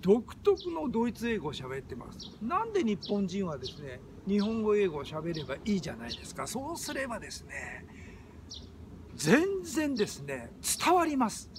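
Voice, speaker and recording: Emphatic older man with lively pitch. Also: normal speed, slight background noise. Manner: forceful, emphatic, repeats key phrases. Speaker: YouTube host. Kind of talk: emphatic monologue.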